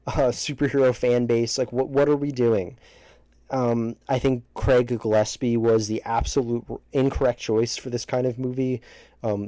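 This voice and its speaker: A man with a fairly dark, mellow voice reviews films in a casual, opinionated way. He speaks emphatically but haltingly, cutting into his own sentences as he goes. The sound is close and dry, right up on the mic. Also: medium pitch, no room sound. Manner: halting, self-interrupting, emphatic. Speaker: movie reviewer ranking films. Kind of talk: casual opinionated video commentary. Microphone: close microphone, breaths hitting it.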